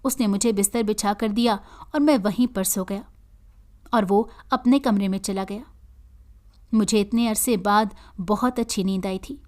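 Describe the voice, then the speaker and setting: A woman's voice: mid-range voice, moderate pace, darkish tone. Woman narrating a moral story.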